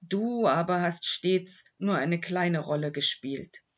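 A man's voice: on the high side, lively intonation, slow, a bit bright, slightly rough, muffled recording, heavily acted. A man reading the voice of a remorseful very old man in an audiobook, pleading and regretful. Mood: defensive.

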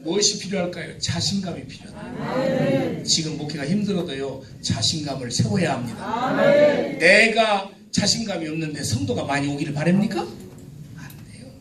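A middle-aged man leading a joking, teasing seminar for a church crowd, sometimes shouting out cheers for the audience. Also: high voice, lively intonation, normal speed. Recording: echoey hall, distant mic, noisy.

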